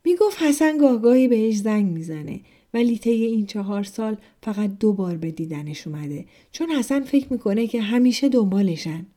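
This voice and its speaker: A woman from Iran, calmly narrating her own memoir in the first person. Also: fairly high pitch.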